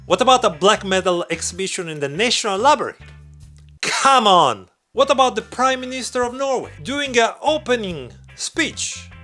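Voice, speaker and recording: A young man from Croatia, talking casually to camera in a vlog, excitable and emphatic, swearing freely. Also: high-pitched, moderate pace, faint music behind. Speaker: vlogger and metal musician.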